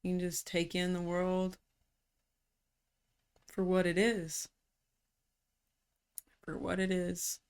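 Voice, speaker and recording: Woman coach with a lowish voice, calm and reflective, easy casual phrasing, talking through rest and surrender. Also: smooth. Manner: calm, unhurried, slips into casual slang. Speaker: personality typology coach.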